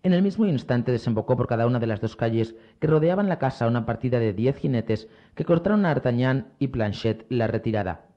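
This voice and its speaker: A man narrating an adventure novel as an audiobook reader, with expressive storytelling delivery. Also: medium pitch, a little fast, muffled recording. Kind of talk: scripted narration.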